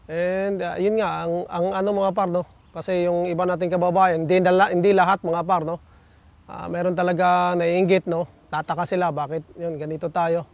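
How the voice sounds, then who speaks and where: A man's voice: high voice, gravelly, no echo, highs cut off. A man vlogging outdoors in nature, reading and answering viewer comments in casual chat, with a chatty manner and frequent tag questions to his viewers. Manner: chatty, peppers lines with tag questions, addresses viewers as buddies.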